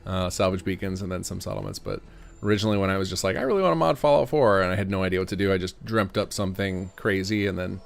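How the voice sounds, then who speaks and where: A man's voice: deep voice, monotone, fast talker, vocal fry. A man giving casual, rambling gameplay commentary as a streamer, thinking aloud. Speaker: game streamer and modder.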